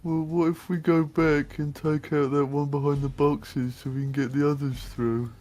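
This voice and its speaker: A man playing a tabletop game, excitable and muttering to himself as he works out his dice rolls. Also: a little high, normal speed, faint music behind. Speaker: player. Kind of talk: casual tabletop game play.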